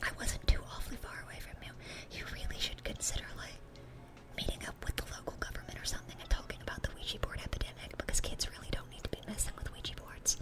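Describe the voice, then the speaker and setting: In an ASMR roleplay, a woman plays a dorky, sweet-natured young demon girl, whispering in a rambling, chatty, earnest way. Her natural voice comes out as a breathy, unvoiced whisper, and she talks fast.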